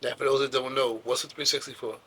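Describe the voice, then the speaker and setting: A man's voice: medium pitch, fairly even intonation, fast talker, sharp tone, slightly rough, low-quality recording. A man hosting a casual interview, asking long, rambling questions in street slang. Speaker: podcast host.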